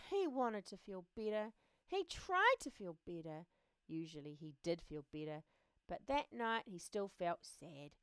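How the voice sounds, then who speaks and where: A woman reads a children's picture book aloud with lively, swooping expression, often sinking to a soft hush. She takes her time over the words. The sound is close and dry. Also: on the low side, a little slow, smooth, no echo. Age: adult. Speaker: reader.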